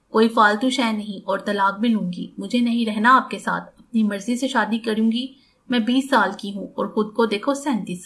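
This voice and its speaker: A woman's voice: a little high, fairly bright tone, natural voice. A woman voicing a sassy, talkative twenty-year-old woman doctor in an audiobook, cheeky and defiant.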